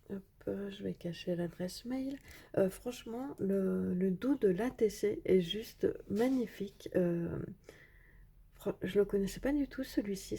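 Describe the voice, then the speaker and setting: A craft vlogger talks casually while unboxing craft supplies, her soft, breathy voice holding an even, medium-pitched middle register. She sounds hesitant, pausing often with little fillers, yet keeps heaping enthusiastic praise on each piece she shows.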